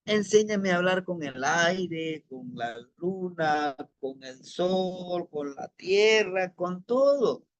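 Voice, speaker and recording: A man's voice: high voice, expressive, takes it slowly, few pauses, highs cut off. Man doing an eager pleading young man. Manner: pleading, insistent questions.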